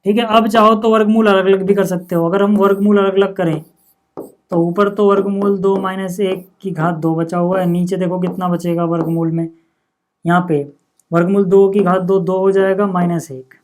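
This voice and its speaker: A man's voice: sits high, flat delivery, moderate pace, a little mellow. A man teaching a maths lesson. He works through each step patiently, poses rhetorical questions to the class and answers them, keeps checking in, and mixes English maths terms into his explanations. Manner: frequent checking-in with "okay" and "see".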